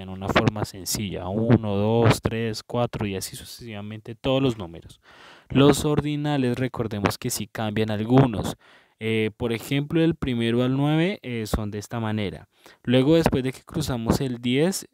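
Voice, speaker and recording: A man's voice: medium pitch, a little mellow. A man, teaching a patient review lesson to young pupils and checking in often with "¿cierto?". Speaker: primary school teacher.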